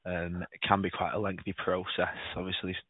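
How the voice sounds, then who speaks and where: A man's voice: low-pitched, completely flat delivery, a little fast, husky, dry recording. A man working as a call handler, speaking politely and reassuringly in a customer service phone call. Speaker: call handler taking client details. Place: telephone call. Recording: tinny, narrow phone line.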